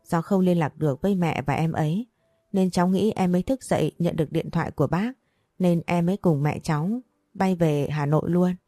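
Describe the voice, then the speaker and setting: Earnest respectful young man in an audiobook, read by a woman, polite and pleading; low and dry. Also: a little fast, warm tone, no echo, faint music behind, lightly acted. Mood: explaining.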